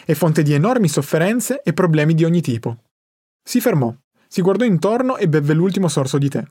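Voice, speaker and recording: Male audiobook narrator, measured, slightly high, dry booth recording. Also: expressive, warm tone, breathy edge, dry recording. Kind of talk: scripted narration.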